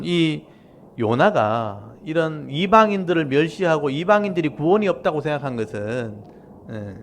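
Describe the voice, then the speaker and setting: A man preaches a midweek sermon in a slightly high voice, talking directly to his congregation. He explains scripture conversationally and pushes his voice up and down for emphasis. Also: a little hiss or hum. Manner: animated preaching with rising and falling emphasis. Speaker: pastor. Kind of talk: Korean Wednesday-service sermon.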